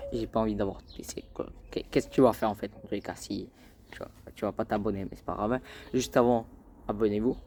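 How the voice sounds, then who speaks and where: Rambling low-voiced man vlogging. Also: a little mellow, a little hiss or hum. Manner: rambling and hesitant, full of fillers and repeats; keeps addressing viewers as "les gars". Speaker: gaming channel host. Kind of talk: casual vlog chat.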